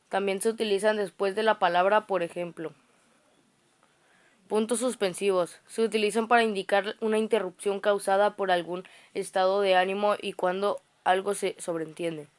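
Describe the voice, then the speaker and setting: A woman reads her grammar notes aloud. She works through them in a plain, even, halting way, tripping over words and starting them again. Her voice is smooth and clear, at a middle pitch. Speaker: student reciting study notes.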